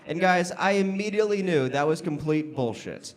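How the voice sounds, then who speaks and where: An American male stand-up comedian works the crowd from a comedy club stage. He speaks conversationally and straight to the audience, using pauses to set up jokes and leaning on his punchlines. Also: a little high, lively intonation. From Las Vegas, United States. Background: audience laughter.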